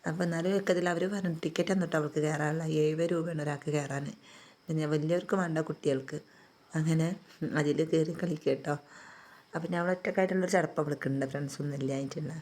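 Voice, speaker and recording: Hoarse, chatty low-voiced woman. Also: fairly even intonation, fast, darkish tone. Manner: chatty, homely, tags sentences with "tto". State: hoarse, recovering voice. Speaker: vlogger. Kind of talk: casual vlog narration.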